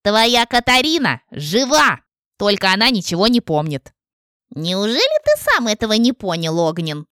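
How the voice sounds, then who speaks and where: A woman voicing a female witch ghost who talks in a calm, scornful and biting way. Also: mid-range voice, normal speed, dry recording, clean studio sound. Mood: mocking. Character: mocking female witch ghost, cool and sharp.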